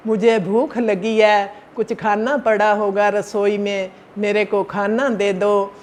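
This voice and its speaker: A gentle elderly mother in a spoken parable, as a man puts her on, calm and forgiving. She speaks slowly in a high, even voice.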